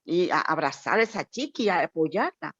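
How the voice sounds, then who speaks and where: A woman's voice: low-pitched, normal speed, slightly rough, dry recording, muffled recording. Emotional woman telling a church testimony. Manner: emotional, animated storytelling with quoted voices. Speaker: church member sharing testimony. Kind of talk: heartfelt testimony in a prayer meeting.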